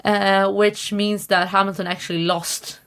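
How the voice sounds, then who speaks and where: A woman's voice: medium pitch, level tone, a little slow, a bit bright, clear, resonant tone. A young woman co-hosting a casual podcast, chatty and wry, full of fillers and restarts. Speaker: podcast co-host. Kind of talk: casual chat.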